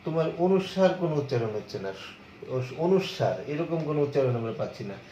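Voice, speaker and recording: A man's voice: fairly high pitch, expressive, fast talker, mellow, slight background noise. A man from Bangladesh, a college lecturer, explaining step by step and answering his own questions. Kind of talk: lecture on pronunciation. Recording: echoey, muffled room recording.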